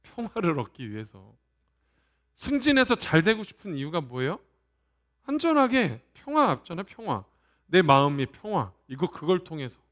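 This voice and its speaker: A male pastor giving a Sunday sermon, animated, asking the congregation questions and trailing off softly at the ends of phrases. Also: fairly high pitch, moderate pace.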